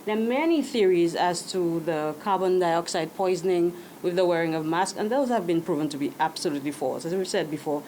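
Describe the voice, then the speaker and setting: A woman speaking in a news interview as head of a medical association, calm and measured, with fillers now and then. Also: on the low side, slight background noise, poor audio.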